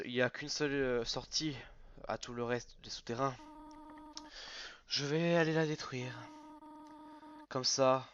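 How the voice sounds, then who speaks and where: A man's voice: mid-range voice, sharp tone. Toriel, a man reading a motherly goat guardian. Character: gentle motherly goat woman guardian, protective. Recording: dull lo-fi recording, faint game music.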